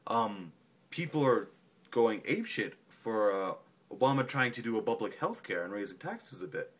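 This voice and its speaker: A man's voice: fairly low pitch, very animated, normal speed, a bit bright. A man from Canada rambling casually on his vlog, profane and self-mocking. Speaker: vlogger.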